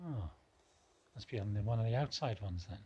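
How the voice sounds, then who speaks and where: An older man chatting casually as a grandfather, with a husky voice, reacting from behind the camera at home. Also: on the low side, expressive, a little fast, mellow, highs cut off. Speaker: grandfather filming and responding to a child's magic show. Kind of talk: casual chat. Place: living room at home.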